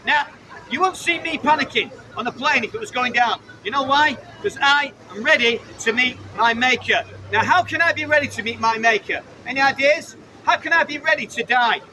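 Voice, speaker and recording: On a noisy, busy urban street full of crowds and traffic, a British man preaches insistently to passers-by. He speaks a little fast in a very high-pitched voice, leaning on repeated phrases, riddles and rhetorical questions in fervent open-air evangelism.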